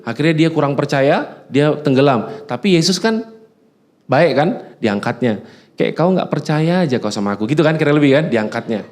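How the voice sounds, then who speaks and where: A middle-aged male pastor preaching a lively sermon, swinging from quiet musing to loud urging and acting out chatty dialogues. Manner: animated, swings from low musing to loud exhortation; acts out dialogues with God in a chatty tone.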